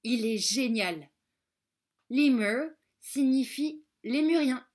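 Slow, gentle woman reading a storybook. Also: high-pitched, animated. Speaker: storybook reader. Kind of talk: children's storybook narration in the first person of a schoolgirl.

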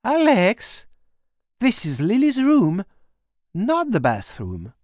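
A reader voicing a worried middle-aged mother who calls out in a high, anxious voice. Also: huge pitch swings, extremely slow, a little mellow, no room sound, clean studio sound, heavily acted. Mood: concerned.

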